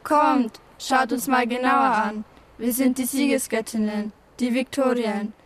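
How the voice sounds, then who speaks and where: A woman's voice: fairly high pitch, steady tone, measured pace, natural voice. A woman playing a proud, vain marble victory goddess with a grand, theatrical manner in an educational audio drama. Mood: proud, boastful.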